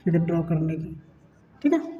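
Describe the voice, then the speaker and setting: A man's voice: on the high side, very animated, normal speed, echoey room, in a large hall, dull audio, soft background music. A man teaching biology to students, repeating key terms, quizzing the class and mixing in English phrases. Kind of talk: classroom lecture.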